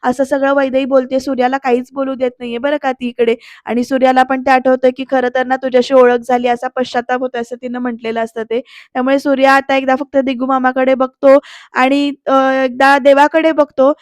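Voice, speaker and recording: A woman's voice: high-pitched, level tone, brisk, no room sound. A woman narrating a voice-over recap of a TV serial episode in a chatty way, often turning to address the viewers.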